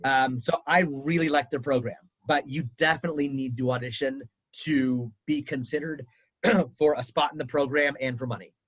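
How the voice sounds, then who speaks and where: A man's voice: medium pitch, steady tone, moderate pace, a bit bright, no echo, poor audio. A man coaching a family on college auditions over a video call, chatty and upbeat with lots of fillers. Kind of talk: casual advice on a video call.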